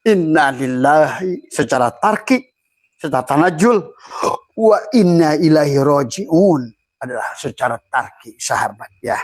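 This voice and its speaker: A man's voice: a little high, expressive, a little slow, no echo. An older male preacher, giving a sermon that recites Arabic verses and explains them with rising, emphatic phrases. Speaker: Islamic preacher.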